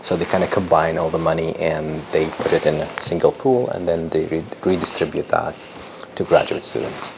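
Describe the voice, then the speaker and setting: A young Lebanese PhD researcher with a low, gravelly voice gives a public science talk at a normal speed. He's hesitant, with lots of ums and restarts, and a faint hiss runs under the recording.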